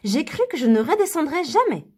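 Woman voicing a gentle mother mouse. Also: sits high, sing-song, fairly quick. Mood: relieved.

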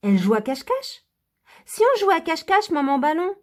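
Storybook figure: a woman putting on an eager little girl mouse, very high and lively. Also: brisk. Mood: curious. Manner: high, pleading, excited.

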